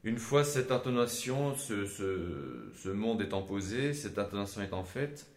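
A man teaching Gregorian chant in a measured, explanatory way, often pausing to hesitate, with short sung examples. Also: fairly low pitch, expressive. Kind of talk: spoken lesson with sung examples. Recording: echoey room.

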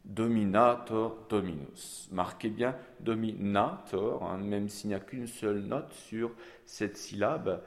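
Slow-spoken man teaching chant, long reverb. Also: lowish voice, creaky. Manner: slow, explanatory, with soft fillers. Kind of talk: chant lesson with sung examples.

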